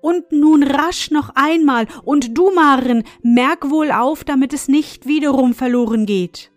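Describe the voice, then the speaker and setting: An old peasant mother from a storybook fairy tale, calling out high and urgent, as a woman puts her on. Her voice is raised and eager, with faint music behind. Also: a little slow, no room sound. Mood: excited, urgent.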